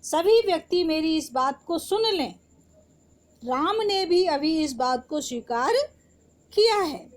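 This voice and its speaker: A woman's voice: high-pitched, animated, a little slow. A woman teaching Hindi poetry in an online class, explaining the verse line by line and asking her students rhetorical questions.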